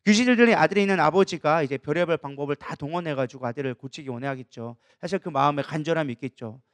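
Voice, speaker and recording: Male pastor delivering a quick, high-pitched sermon full of rhetorical questions; close, dry recording. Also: no echo. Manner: lively preaching with rhetorical questions.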